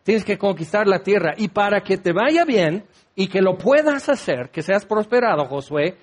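A man's voice: sits high, very animated, normal speed. A man preaching a sermon, acting out quoted voices and firing rhetorical questions.

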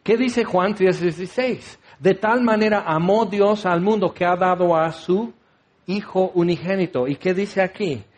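A man's voice: high-pitched, measured pace. A man preaching a sermon, teaching with rhetorical questions and acting out the voices he quotes.

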